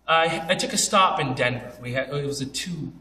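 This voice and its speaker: A man's voice: medium pitch, normal speed, sharp tone, echoey room, distant mic, slight background noise. A young man telling funny travel stories in a casual, joking, self-deprecating way, talking straight to camera. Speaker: vlogger.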